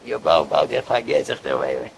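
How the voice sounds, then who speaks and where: A man telling a story casually, in a halting way, often repeating words. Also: mid-range voice, sing-song, creaky, a little hiss or hum, poor audio.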